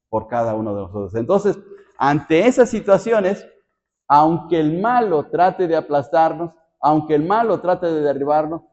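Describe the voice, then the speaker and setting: A man's voice: on the high side, darkish tone, highs cut off. A man preaching a Bible study sermon as pastor, asking the congregation rhetorical questions.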